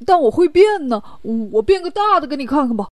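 A woman voicing a boastful, comically lazy pig-headed male monk in a children's storybook telling, speaking lower than her narrating voice. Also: big pitch swings, fairly quick, no room sound, studio quality.

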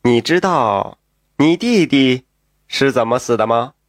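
A male storyteller voicing a drunk, scheming rich husband who confides a dark secret in a low, hesitant way. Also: animated, a little slow, no echo, studio quality, natural voice. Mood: confiding. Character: scheming wealthy young husband, drunk, confessing.

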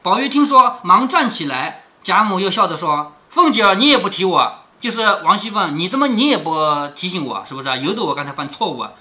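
A man's voice: high voice, big pitch swings, brisk, few pauses, pushed and bright. A middle-aged man reading a classic novel aloud to his daughter, explaining it as he goes and often asking rhetorical questions. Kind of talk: explanatory storytelling with quoted dialogue.

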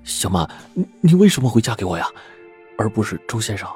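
A man's voice: sits low, fairly even intonation, a little fast, faint music behind, natural voice. A man doing an earnest, simple-hearted young husband. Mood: eager. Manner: earnest, plain speech.

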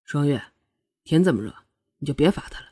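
Woman reading a brooding young prince: deep, muted and husky-edged, in a storybook reading. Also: fairly quick, darkish tone, dry recording, clean studio sound. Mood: subdued. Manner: low, subdued murmur, sometimes irritated. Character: young male prince, troubled and conflicted. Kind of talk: audiobook character voicing.

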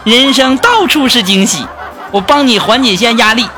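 A woman's voice: fairly high pitch, expressive, moderate pace, over music, crowd noise, voice pushed up, lightly acted. Man playing a teasing prankster grandma. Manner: teasing, playful. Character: mischievous old grandmother prankster.

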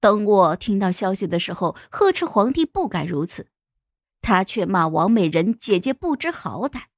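A woman storyteller narrating a first-person palace story, softly dramatic and deliberate. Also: medium pitch, very animated, dry recording, clean studio sound.

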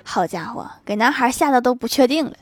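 A woman's voice: a little high, animated, a little fast, noisy background. A woman hosting a joke show, reading funny anecdotes aloud in a playful way and chuckling at the punchlines.

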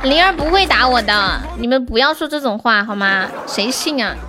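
High-voiced playful woman streamer. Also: lively intonation, normal speed. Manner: playful, cutesy, melodramatic pleading. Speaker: live streamer. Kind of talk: casual livestream chat. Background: background music.

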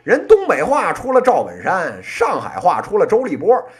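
A podcast host in their late thirties with a Beijing accent performs a one-person crosstalk-style comic monologue in colloquial plain speech packed with erhua and little interjections. The voice is medium-pitched with huge pitch swings, at a normal speed.

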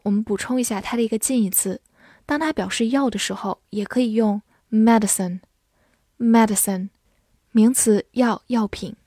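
A woman teaching English vocabulary in a scripted lesson, spelling words letter by letter and reading example sentences slowly. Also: medium pitch, warm tone, dry recording, studio quality.

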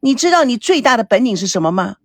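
A woman's voice: fairly high pitch, big pitch swings, quick pace, no echo, clean studio sound. A woman voicing a middle-aged parent who argues sharply and gets alarmed. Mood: mocking.

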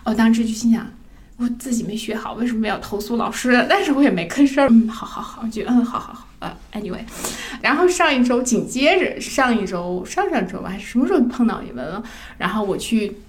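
A woman's voice: fairly high pitch, lively intonation, fast talker. A woman in her thirties chatting casually on a podcast, telling personal stories and acting out the voices of people she quotes, often laughing. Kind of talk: casual chat, personal storytelling.

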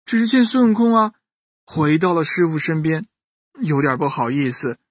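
A man narrating a children's bedtime story in an animated way, speaking straight to the children listening. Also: on the high side, normal speed, dry recording, clean studio sound. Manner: animated, addressing children directly.

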